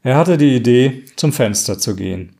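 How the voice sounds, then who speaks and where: A man voicing a worried middle-aged mother who speaks haltingly, pausing to swallow between sentences. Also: mid-range voice, lively intonation, creaky, mellow. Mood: grave.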